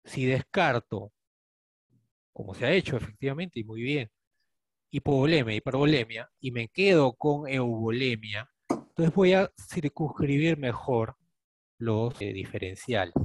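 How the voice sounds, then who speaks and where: A man with a Peruvian Spanish accent teaches a clinical case, thinking aloud and quizzing his students as he goes. His pitch sits in the middle range, and the sound is close and dry. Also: animated, a little slow, no echo. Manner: explains step by step, often asks students questions with a rhetorical "¿no?". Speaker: attending physician teaching a case discussion.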